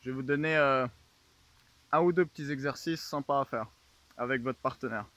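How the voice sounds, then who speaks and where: A man speaks in a medium-pitched voice as an instructor. He guides listeners through meditation and exercises in an informal teaching style. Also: normal speed, sharp tone.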